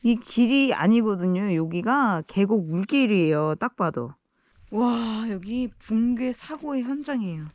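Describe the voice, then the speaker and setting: Solo female outdoor vlogger, casual and uneasy, mid-pitched, murmuring to herself and to viewers. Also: lively intonation, measured pace, darkish tone, no echo. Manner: nervous, muttering to herself. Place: outdoors in an icy valley.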